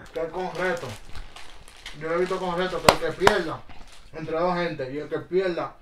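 A woman's voice: low-pitched, fairly even intonation, normal speed, heavy background noise. A woman chatting casually in a family vlog. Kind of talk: casual chat. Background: music.

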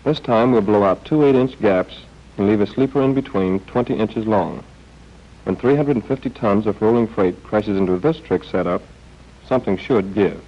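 Speaking at a moderate pace in a fairly low voice, an American man narrates a scripted training film from the 1940s with understated wryness. This film voice-over survives on a dull, band-limited old soundtrack.

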